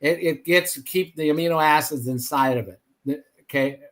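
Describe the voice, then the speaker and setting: A higher-voiced man hosting a casual chat. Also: normal speed. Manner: rambling storyteller with many restarts. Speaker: host.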